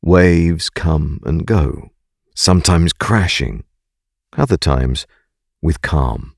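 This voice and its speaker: A man narrating a scripted guided meditation in a calm, gentle, soothing and unhurried way. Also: extremely low pitch, gravelly, no room sound, studio quality.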